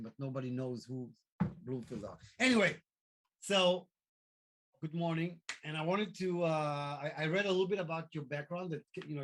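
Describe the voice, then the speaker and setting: A man hosting a live online interview, talking in a halting way with many fillers and restarts. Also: fairly high pitch, a little hiss or hum, poor audio. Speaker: host.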